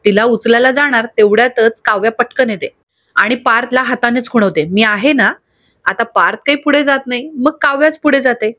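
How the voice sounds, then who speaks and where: A woman retelling a TV serial episode in a lively, expressive way. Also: high voice. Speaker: storyteller.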